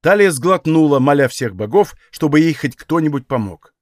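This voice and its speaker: Мужчина читает фэнтези-аудиокнигу. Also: male voice, fairly high pitch, normal speed, no room sound, clean studio sound. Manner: even storytelling, acts out dialogue. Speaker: audiobook narrator. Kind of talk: audiobook narration, reading fantasy.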